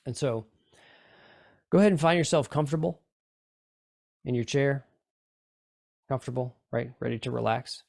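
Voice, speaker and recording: The group leader here is a man of medium pitch and moderate pace whose creaky, darkish voice pauses often. He guides tapping and relaxation with coaxing, repeated instructions and short check-ins, captured in clean, echo-free studio sound.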